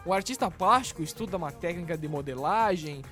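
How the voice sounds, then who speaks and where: A man's voice: sits high, animated, a little fast, fairly bright tone, soft background music. A man, a podcast co-host in casual chat among friends, opinionated and often stammering and restarting.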